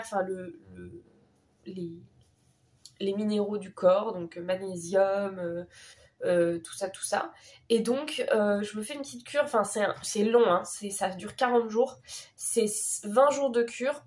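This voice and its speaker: A young woman talks to her vlog audience in a casual, chatty way. Her medium-pitched voice is nasal and congested, as with a cold and swollen tonsils. She rambles a little, hesitating and correcting herself as she goes. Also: darkish tone. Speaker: vlogger.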